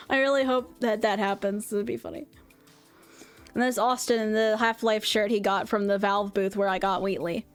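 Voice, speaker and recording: A woman's voice: mid-range voice, steady tone, moderate pace, smooth, faint music behind. A woman streamer chatting casually and rambling, with lots of fillers and restarts. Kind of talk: casual chat recounting a convention.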